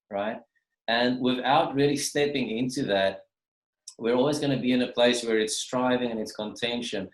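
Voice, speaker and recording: Casting: male minister, mid-pitched, loose teaching talk with many restarts, echoey room on a video call. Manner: rambling, restarts and repeats words. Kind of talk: casual spoken teaching. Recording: roomy video call audio.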